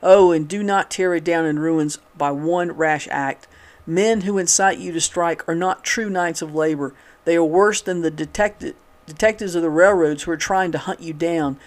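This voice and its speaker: A man's voice: normal speed, close to an everyday voice. A man reading as an impassioned labor orator. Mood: imploring. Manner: louder and raised in pitch, earnest and imploring. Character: impassioned male labor orator pleading with a mob.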